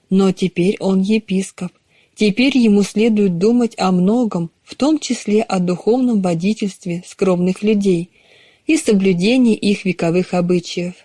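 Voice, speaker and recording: A woman narrating a novel in a measured, even storytelling manner. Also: medium pitch, no echo. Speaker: audiobook narrator. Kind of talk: scripted narration.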